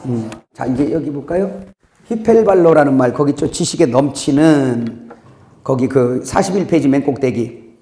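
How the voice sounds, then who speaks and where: A man preaching a sermon as pastor, swinging between loud outbursts and quiet asides, laughing at his own jokes. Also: medium pitch, lively intonation, normal speed, roomy sound.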